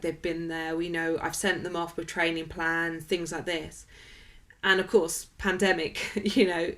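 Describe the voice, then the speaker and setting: A woman with a lowish, slightly bright voice is interviewed as a wellness coach. She talks conversationally, emphatic and motivational, drawing on everyday examples.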